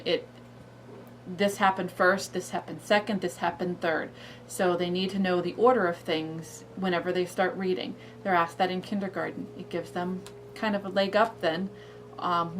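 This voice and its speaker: A woman's voice: on the low side, slight background noise, low-quality recording. A woman giving an informal explanatory talk to parents as a children's librarian.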